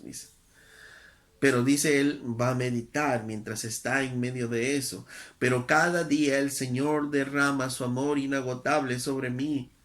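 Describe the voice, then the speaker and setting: A male pastor preaching a Sunday sermon, reading Scripture with emphasis and asking the congregation rhetorical questions. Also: fairly high pitch.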